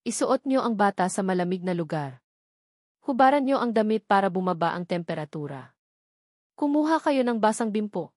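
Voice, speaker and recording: A woman voicing a calm, firm young working man. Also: mid-range voice, normal speed, dry recording, studio quality, natural voice. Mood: urgent.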